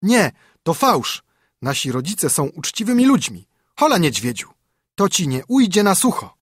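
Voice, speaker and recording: A brood of furious little wren chicks, as a man puts them on, squealing in high, raised voices. The storybook voices stay loud and shrill. The tone carries a slight husk, recorded dry and close. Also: animated, moderate pace, dry recording. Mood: outraged.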